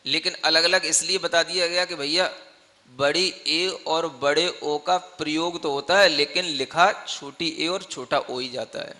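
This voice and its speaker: A man, a monk, teaching scripture, with a fairly high, bright, forward voice. He explains patiently with everyday examples and keeps asking his listeners whether they follow. His voice carries a long reverb from a large hall. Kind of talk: classroom-style scripture teaching.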